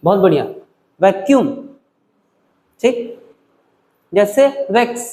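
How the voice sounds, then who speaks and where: A male teacher, taking students through spelling in an exam-prep English class, repeating words slowly syllable by syllable. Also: high-pitched, lively intonation, darkish tone.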